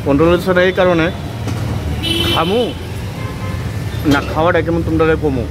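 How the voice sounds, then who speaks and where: A man's voice: fairly high pitch, rapid-fire. A man, eagerly reviewing street food while talking through a full mouth as he chews. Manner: excited, eager to eat. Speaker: food vlogger. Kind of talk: casual food review vlog. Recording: loud outdoor street noise.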